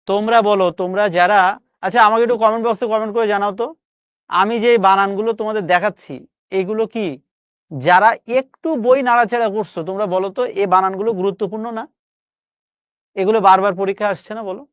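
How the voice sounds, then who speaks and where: A man teaches spelling live online with a Bangladeshi Bengali accent, repeating words for drilling, coaxing his students, and tossing in chatty colloquial remarks. His high-pitched voice is brisk with fairly even intonation. The sound is dry and lo-fi.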